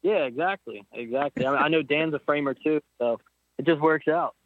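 A nineteen-year-old man from Pennsylvania, a motorcycle racer, speaks fairly quickly in a fairly high pitch as a guest on a casual phone interview. He rambles, restarting frequently. The recording is dry, with a tinny phone-line sound.

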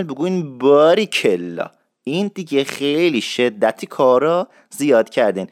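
A man teaching dialect expressions, explaining in a lively way and repeating words slowly for learners. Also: medium pitch, no room sound, clean studio sound. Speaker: language teacher.

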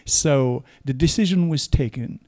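Halting man, mellow voice. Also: medium pitch. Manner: halting, deliberate, searching for words. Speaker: interview guest, historian. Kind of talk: scholarly interview talk.

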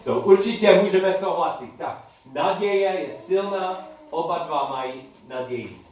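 A man leads a class with questions, haltingly and repeating himself in simple phrases. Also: fairly high pitch, expressive, darkish tone. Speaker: teacher leading a Bible study class. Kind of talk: interactive lesson with questions to the group. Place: echoey room with a group. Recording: very echoey room, distant mic, faint noise.

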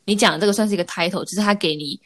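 Laughing, animated Taiwanese woman storyteller. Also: medium pitch, rapid-fire. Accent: Taiwanese Mandarin. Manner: animated storyteller, laughs often, acts out quotes; mixes in English words. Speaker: podcast co-host. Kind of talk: casual chat.

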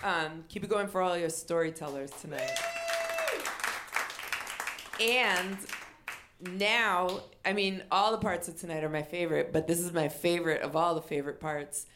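A woman's voice: fairly low pitch, normal speed, pauses often, background noise. A woman hosting a live storytelling show, hyping the crowd and leading chants. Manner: hypes the crowd, leads chants. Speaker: host.

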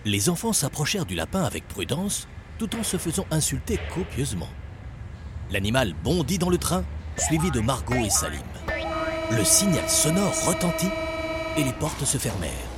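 A male storyteller reading an adventure with lively, swooping intonation. Music runs clearly underneath throughout the narration, and his pitch sits in a middle register. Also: normal speed. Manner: expressive storytelling. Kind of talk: scripted narration of a children's story.

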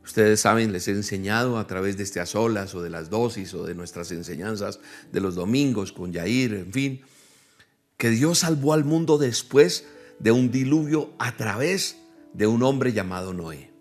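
A man with a low voice preaches a livestreamed sermon. He is earnest and talks straight to his listeners, repeating key phrases to drive them home. Soft music plays faintly behind him. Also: moderate pace. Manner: addresses listeners directly. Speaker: pastor.

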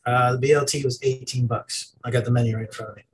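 A man's voice: medium pitch, steady tone, fast, a little hiss or hum, poor audio. A middle-aged man co-hosting a podcast, swearing freely and rambling in casual chat. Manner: rambling, profane, laughs a lot. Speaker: podcast co-host.

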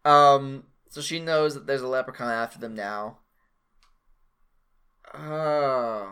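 A man's voice: mid-range voice, fairly even intonation, takes it slowly, sharp tone, clear, resonant tone. A man casually recapping a horror movie with friends, profane and joking, often laughing. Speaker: podcast co-host.

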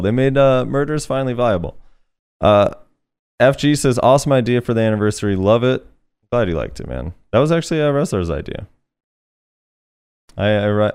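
Deep, smooth-voiced male podcast host. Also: lively intonation, fast talker, darkish tone. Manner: laid-back, reads comments aloud with many fillers. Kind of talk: casual podcast chat reading listener comments.

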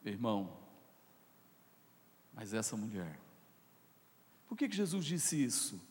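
Pastor preaching in a reverberant hall. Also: male voice, fairly low pitch, big pitch swings, takes it slowly. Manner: preaching with big swings between soft asides and loud shouted peaks; playful, jokes with the congregation. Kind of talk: sermon with call-and-response. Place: church hall.

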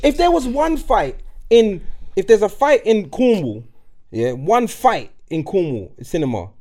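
Male panellist, high expressive voice, pressing his points in informal debate. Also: unhurried. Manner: insistent, questioning. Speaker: podcast panellist. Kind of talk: casual group debate.

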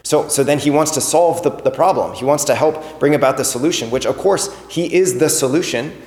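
A man's voice: on the high side, a little fast, darkish tone. Man preaching casually in an echoey church. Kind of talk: conversational sermon. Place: large reverberant church interior. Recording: echoey hall with long reverb.

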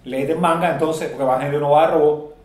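A man's voice: on the high side, fairly even intonation, fast, reverberant. A man arguing bluntly in a casual panel debate, hammering his points by repeating them.

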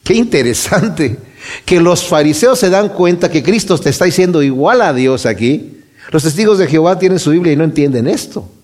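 A man's voice: fairly high pitch, expressive, normal speed, a little mellow. A man preaching a sermon, explaining a Bible passage with rhetorical questions and shifting emphasis.

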